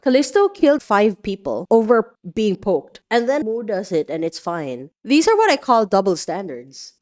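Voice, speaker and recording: A woman hosts a livestream and reads the game's events aloud, breaking in with playful, jokey remarks. Her pitch jumps around a lot as she talks, giving her delivery a lively, animated feel. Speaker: host. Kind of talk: livestream reading of game events with commentary.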